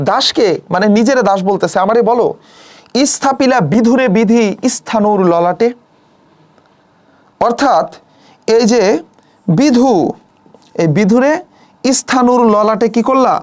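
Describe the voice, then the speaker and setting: A young man teaching a poem, who recites the verse slowly and then explains it in casual, chatty speech. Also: high voice.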